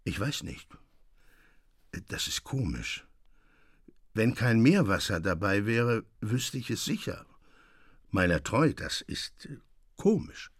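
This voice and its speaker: A man's voice: a little high, lively intonation, normal speed, a bit bright, no room sound, clean studio sound, voice pushed up. Seasoned tippler among fishermen, brash but unsure, voiced by a male narrator. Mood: puzzled. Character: boastful veteran drinker among fishermen.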